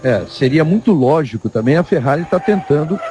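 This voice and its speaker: A man's voice: a little high, expressive, a little fast. A man with a Brazilian accent giving live motorsport commentary as the analyst, explaining in a hesitant way. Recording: very loud engine noise behind voice.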